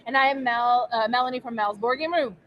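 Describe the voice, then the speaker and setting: A woman with a notably high voice co-hosts a live board game stream from a convention center. She sounds upbeat and eager, and she steers the conversation. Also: brisk, highs cut off. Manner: upbeat, enthusiastic, leads the talk. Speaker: board game channel host.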